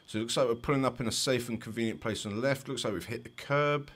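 A man's voice: medium pitch, fast talker, a bit bright, slightly rough. A man with a London accent, a driving instructor giving chatty, explanatory commentary over driving test footage with light jokes.

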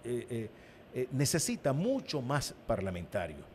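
A man's voice: mid-range voice, wildly swooping pitch, measured pace, a little mellow, slight background noise. A Venezuelan man, an opposition party leader, speaking as a guest in a political interview, emphatic and given to repeating his words.

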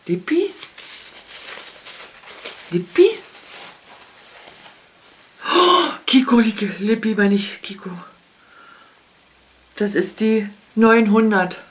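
A woman's voice: medium pitch, sing-song, slow, a bit bright, slight background noise. Gushing woman unboxing makeup. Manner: gushing, lots of oh and whispered asides. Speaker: beauty vlogger. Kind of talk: casual unboxing chat.

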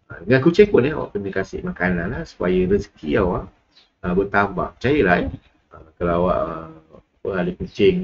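A man's voice: on the low side, creaky, muffled recording, a little hiss or hum. A man with a Malaysian accent lecturing a class in a casual, rambling way, full of fillers and asides. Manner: rambling, with many fillers and laughs.

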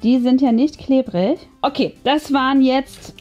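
A craft host with a high-pitched, somewhat mellow voice takes her time, chatting casually and thinking aloud during her tutorial. Background music plays throughout.

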